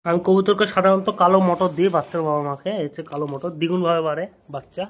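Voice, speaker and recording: Out on a rooftop, a Bengali-accented man feeds his pigeons while chatting through a casual vlog to camera. His voice is high-pitched and steady, and he speaks very fast.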